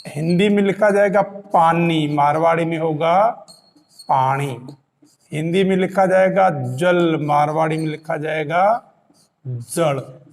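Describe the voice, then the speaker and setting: A man teaching an exam-prep lesson, speaking slowly and repeating key points for students. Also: on the high side, steady tone, long reverb tail. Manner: slow, repeats key points, "dhyan dena" reminders.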